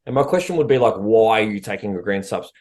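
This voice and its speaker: A man's voice: fairly low pitch, expressive, fast talker, darkish tone. A man hosting a coaching podcast, talking casually and bluntly, swearing now and then. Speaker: prep coach podcast host.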